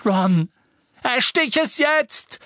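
A man voicing a desperate teenage boy hero, shouting urgent orders. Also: very high-pitched, lively intonation, very slow, no room sound, studio quality, voice pushed up, full character voice.

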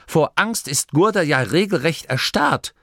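A man voicing a bold, sharp-tongued young gnome woman in an audiobook, speaking haughtily. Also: fairly high pitch, lively intonation, a little slow, creaky, no room sound, studio quality, pitched above the performer's own voice, exaggerated voice.

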